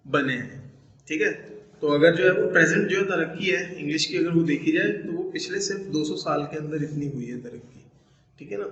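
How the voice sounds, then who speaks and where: Male tutor, slightly high voice, patient lesson delivery in an echoey room with muffled lo-fi audio. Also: a bit bright. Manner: explains in Urdu-Hindi, reads English lines slowly, frequent "theek hai". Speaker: teacher. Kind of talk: online lesson lecture. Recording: echoey room, dull lo-fi sound.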